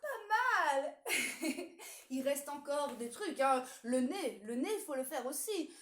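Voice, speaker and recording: A woman hosting a children's music show from her home, playfully leading a warm-up and talking straight to the young viewers. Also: high voice, sing-song, takes it slowly, roomy sound. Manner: playful, addresses children directly.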